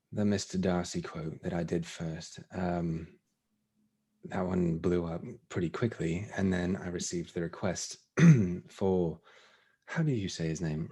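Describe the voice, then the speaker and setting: Low husky-voiced man, relaxed. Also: slow. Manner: relaxed, thoughtful, laughs easily. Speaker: voice actor guest. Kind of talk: casual interview chat.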